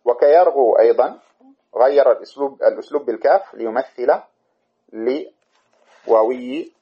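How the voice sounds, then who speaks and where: A man's voice: mid-range voice, animated, normal speed, muffled recording. Man teaching a classical grammar lesson. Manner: explains step by step, repeats and corrects himself. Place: study room with camera.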